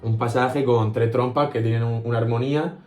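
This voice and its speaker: A man's voice: mid-range voice, fairly even intonation, fairly quick, darkish tone, echoey room. A young man co-hosting a casual podcast about music history, agreeable and chatty. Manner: agreeable, keeps saying "claro" and "efectivamente". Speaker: podcast co-host.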